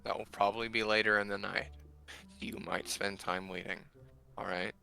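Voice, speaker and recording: A man voicing a faceless male companion who speaks in a flat, monotone way and gives earnest warnings. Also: on the low side, normal speed, creaky, faint music behind. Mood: solemn. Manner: solemn, protective warnings.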